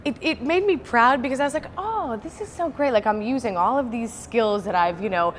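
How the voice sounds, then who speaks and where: A woman's voice: on the high side, fairly quick, slight background noise. A woman actress as an interview guest, telling stories animatedly with lots of "like" and "you know". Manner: animated, acts out quoted voices, fillers like "like" and "you know". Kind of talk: casual interview storytelling.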